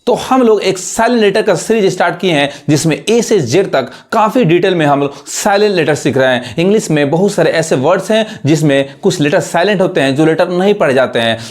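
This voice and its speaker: A man teaching English pronunciation, who repeats example words and keeps checking whether learners follow. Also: high voice. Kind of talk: classroom lesson.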